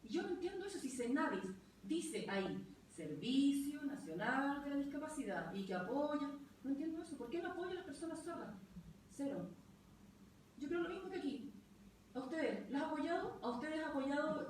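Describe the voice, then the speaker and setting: A woman's voice: high-pitched, slight background noise. A woman working as a sign language interpreter, voicing a deaf speaker in short, clipped phrases during a live panel talk. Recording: very echoey room, voice from far off.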